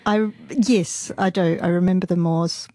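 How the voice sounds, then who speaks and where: Mellow, hesitant middle-aged woman. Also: fairly low pitch, fairly even intonation, a little slow, dry recording. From England. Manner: hesitant, with frequent ums and soft laughs. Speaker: guest. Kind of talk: casual interview chat.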